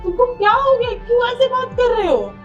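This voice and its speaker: An actress playing a bossy young wife who gives her husband sharp orders. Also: sits high, moderate pace, dull audio, faint music behind, lightly acted. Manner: commanding, sharp.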